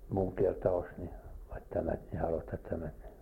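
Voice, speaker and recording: Gravelly older man reminiscing, tinny recording. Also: low voice, flat delivery. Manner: plain-spoken storytelling, repeating phrases for weight. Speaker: interviewee recalling village life. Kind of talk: oral history reminiscence. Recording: tinny lo-fi recording with faint hiss.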